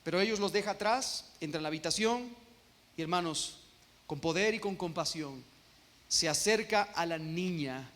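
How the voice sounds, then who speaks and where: A man with a Guatemalan Spanish accent preaching an expository sermon as pastor, emphatic and slowing down on key phrases. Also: fairly high pitch, a bit bright. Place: church sanctuary. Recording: long reverb of a church hall.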